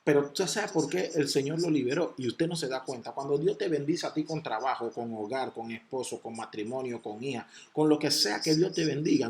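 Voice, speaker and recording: A man preaching a sermon, reading scripture slowly and building to loud, emphatic exhortation. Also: a little high.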